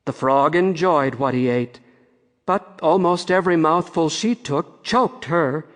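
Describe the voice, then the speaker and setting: A man narrating a fairy-tale audiobook in a measured storytelling way, with long reverb on the recording. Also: on the high side.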